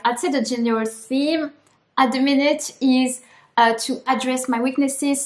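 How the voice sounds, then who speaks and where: High-voiced woman vlogger chatting casually. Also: roomy sound. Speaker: vlogger, amateur runner. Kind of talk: casual chat to camera.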